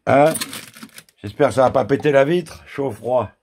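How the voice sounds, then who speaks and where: In his home kitchen, a man casually hosts a cooking vlog, speaking to the viewer as he works, laughing at his own mistakes and cursing freely. His mid-range voice is unhurried with a darkish tone, and a little hiss or hum sits under the recording.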